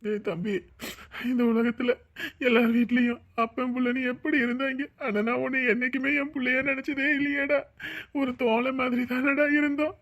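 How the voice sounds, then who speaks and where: A man plays a middle-aged father in a TV drama, torn between tearful pleading and fierce threats. His voice sits high for a man. He speaks with raw, heavy emotion. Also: level tone, normal speed, fairly bright tone. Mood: anguished. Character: anguished middle-aged father, grieving then vengeful. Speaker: grieving father. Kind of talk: Tamil TV drama acting.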